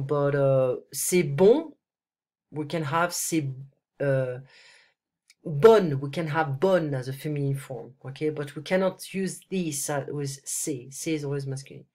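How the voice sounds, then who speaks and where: This screen-recorded French lesson features a patient woman tutor whose deep voice is darkish and stuffy with a cold. Using a computer mic for the one-on-one session, she alternates French and English and repeatedly asks "ok?"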